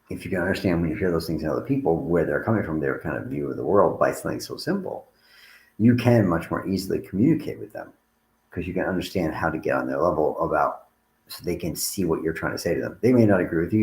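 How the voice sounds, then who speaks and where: Tired and yawning, a man coaches livestream viewers in a casual, rambling way, often restarting his sentences. His low voice is gravelly yet a little mellow, captured in an echoey room on a low-quality recording.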